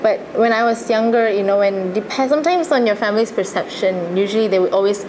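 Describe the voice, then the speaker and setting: Chatty and earnest, a young Malaysian-accented woman speaks quickly in a mid-range voice, sharing personal recollections during a casual interview. The recording has noticeable background noise and ambience.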